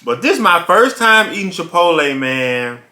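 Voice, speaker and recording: A man talks casually between bites on an eating show and tells his stories with animation. His voice sits fairly high and sounds bright and forceful. The room around him gives it a noticeable echo. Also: moderate pace. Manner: talks while chewing food; animated storytelling. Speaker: mukbang host. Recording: roomy echo.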